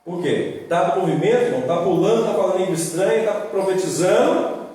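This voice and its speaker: A young-adult man with a Brazilian accent preaching a sermon, lively and swinging between loud and soft. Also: sits high, fairly quick. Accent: Brazilian Portuguese. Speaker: pastor. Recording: roomy echo, distant mic.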